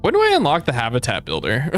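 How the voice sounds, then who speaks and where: A man giving casual live game commentary as a streamer, with playful, slangy, expressive reactions. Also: medium pitch, fast, soft background music.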